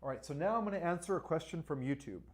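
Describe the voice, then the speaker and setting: A man with a Spanish accent hosts a live-stream Q&A, answering viewers' questions. His voice sits a little on the high side, and he talks emphatically, tagging lines with "all right" and "right?". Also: lively intonation, fast. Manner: asks viewers to like and share. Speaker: livestream host.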